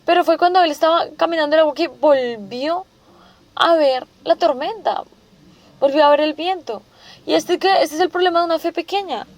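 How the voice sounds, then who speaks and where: A woman preaches a sermon in a notably high voice. She keeps asking her listeners rhetorical questions. She restates each point several times before moving on.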